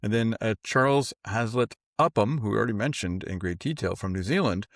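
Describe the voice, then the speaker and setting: A man co-hosting a history podcast in casual chat, relaxed and full of fillers and restarts. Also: lowish voice, fairly quick, dry recording, clean studio sound. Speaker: podcast co-host.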